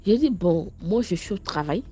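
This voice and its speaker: A young woman with an Ivorian French accent, talking straight to her viewers in a casual storytime vlog, animated and stammering, scolding one moment and telling her story the next. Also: on the low side, normal speed, a little hiss or hum. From Ivory Coast.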